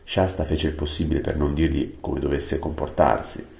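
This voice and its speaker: A man narrating a storybook aloud, unhurried, adding plain-word glosses. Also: extremely low pitch, level tone, gravelly, darkish tone. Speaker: audiobook reader. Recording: roomy echo.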